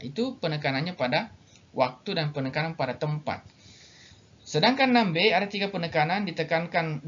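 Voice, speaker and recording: Man giving a slow, filler-laden lecture. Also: fairly high pitch, fairly bright tone. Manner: explains slowly with many fillers and repetitions; reads English examples aloud then explains them. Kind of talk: recorded online lecture. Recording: slightly dull lo-fi audio.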